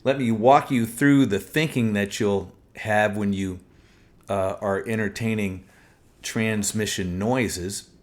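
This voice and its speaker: A middle-aged man explaining a technical topic step by step as an instructor, methodical, with frequent fillers. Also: lowish voice. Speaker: transmission instructor. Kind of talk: technical walkthrough lesson.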